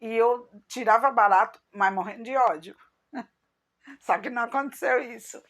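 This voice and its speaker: A middle-aged woman with a Brazilian accent telling personal stories to her followers in an unhurried, chatty way. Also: a little high, fairly bright tone. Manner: unhurried, chatty, acts out remembered dialogue. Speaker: vlogger.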